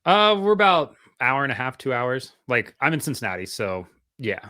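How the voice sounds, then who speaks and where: A man's voice: mid-range voice, very animated, moderate pace, sharp tone. A man chatting as a podcast guest, curious and agreeable. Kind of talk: casual chat.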